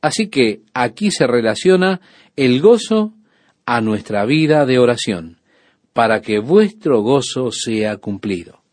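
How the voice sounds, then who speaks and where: A man giving a radio sermon, preaching calmly and measuredly with frequent pauses. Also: medium pitch, no echo. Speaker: radio Bible teacher.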